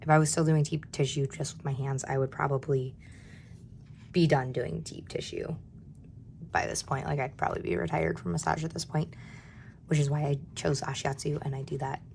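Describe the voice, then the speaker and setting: Low gravelly-voiced woman chatting candidly. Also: steady tone, normal speed, a little mellow, a little hiss or hum. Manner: candid and chatty, drops to a near-whisper at times. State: hoarse from a cold. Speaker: budgeting vlogger. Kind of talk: casual chat while stuffing cash envelopes.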